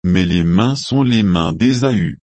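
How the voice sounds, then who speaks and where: A man voicing an old blind father giving his blessing, in a slow, solemn reading. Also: low voice, lively intonation, darkish tone, no echo, full character voice.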